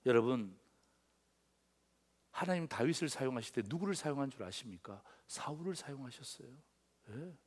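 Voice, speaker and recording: A man's voice: mid-range voice, expressive, normal speed, long pauses, breathy edge. A middle-aged male pastor preaching a sermon, often asking the congregation questions and acting out short dialogues. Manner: acts out dialogues in different voices.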